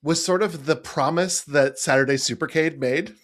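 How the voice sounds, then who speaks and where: A man co-hosting a podcast in casual chat, animated and wry, laughing often. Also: on the high side, moderate pace. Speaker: podcast co-host.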